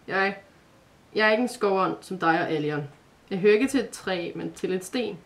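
A woman's voice: mid-range voice, close to an everyday voice. A woman voicing a shy young male dream spirit in a storybook reading, hesitant and apologetic. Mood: earnest.

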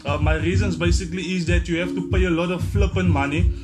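A man's voice: high-pitched, fairly even intonation, fast. A man in his twenties with an Afrikaans-tinged South African accent, chatting casually to camera as a blunt, slangy vlogger. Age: 20s. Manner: blunt, slangy, mildly sweary. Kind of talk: casual tutorial chat to camera. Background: music.

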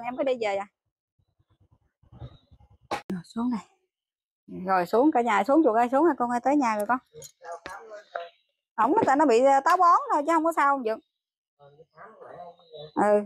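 A woman with a Southern Vietnamese accent, a vlogger mother chatting casually to her viewers as she rides a motorbike on a dark country road at night. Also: on the high side, breathy edge. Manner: chatty, keeps addressing viewers as family. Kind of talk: casual vlog narration to viewers. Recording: noisy outdoor road recording.

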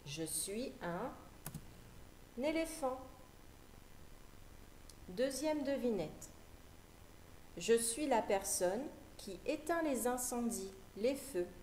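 A woman teaching a phonics lesson to young children, repeating each word slowly and articulating carefully. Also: fairly high pitch, lively intonation, a little mellow, slight background noise. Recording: echoey room with faint ambience.

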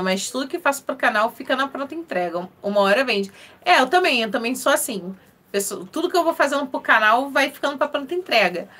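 A woman's voice: on the high side, fairly bright tone. A woman with a Rio de Janeiro accent hosting a casual crochet live stream, chatting in a friendly way and laughing often as she greets viewers by name. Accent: Carioca (Rio de Janeiro) Portuguese. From Rio de Janeiro, Brazil.

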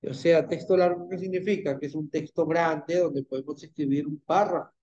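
Male instructor, patient, fairly high voice, dull online-class audio. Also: fairly even intonation, normal speed, a little mellow. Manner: patient, checks in with "¿ya?" and "¿ven?". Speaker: teacher. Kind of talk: live online class, screen-share demo.

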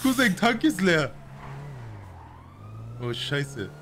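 A man's voice: high-pitched, sing-song, very slow, crowd noise. A man streaming a role-play live, talking in character in a brash, boastful, slangy way.

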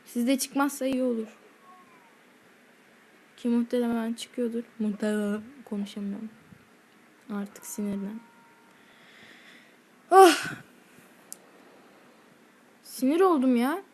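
A high-pitched woman talks over her own gameplay as a channel host. She comments loosely on the action and snaps curses at the enemies on screen. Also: measured pace, long pauses, a little mellow. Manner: heated, swears at enemies while playing.

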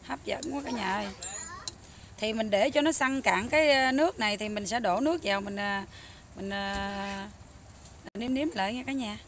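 A young woman with a Southern Vietnamese Mekong Delta accent, chatting loudly and eagerly to viewers while she cooks in a rural hut kitchen. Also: medium pitch, normal speed. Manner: loud, chatty, enthusiastic, talks over noisy kids. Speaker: cooking vlogger. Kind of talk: casual cooking vlog chat.

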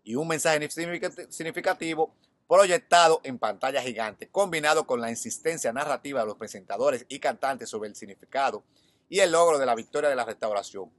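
Dominican news host, thirties, reads headlines and then gives his opinion; mid pitch, dry close-mic sound. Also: a little fast, no room sound. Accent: Dominican Spanish. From Dominican Republic. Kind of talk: reading and commenting on news. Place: outdoors in front of a hedge.

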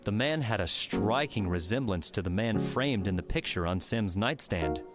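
Low-voiced male audiobook narrator. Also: animated, moderate pace, over loud music. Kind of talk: scripted narration.

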